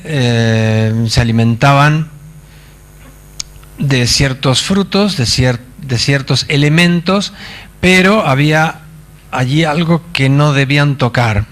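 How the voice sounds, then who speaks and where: A man from Argentina, giving a conference talk in a halting manner with many fillers and wry asides. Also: medium pitch. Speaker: conference speaker. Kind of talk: lecture. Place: conference stage.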